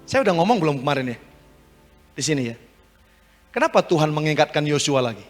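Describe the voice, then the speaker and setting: A man preaching a sermon as pastor, leading call-and-response and swinging between loud exhortation and quiet asides. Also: a little high, sing-song, brisk, in a large hall, soft background music. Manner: call-and-response preaching, rising and dropping sharply.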